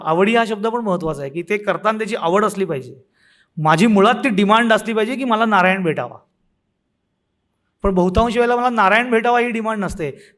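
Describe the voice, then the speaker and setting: Man, spiritual teacher, devotional discourse, humorous parables, quotes verses, laughs now and then, very high voice. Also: fairly bright tone.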